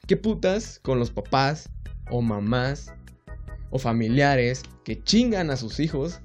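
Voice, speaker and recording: A young man with a Guatemalan accent tells lively stories full of swearing on a casual podcast. His voice sits at an ordinary middle pitch, and faint music runs underneath. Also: takes it slowly. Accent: Guatemalan Spanish. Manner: animated, profane storytelling. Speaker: podcast co-host. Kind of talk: casual chat.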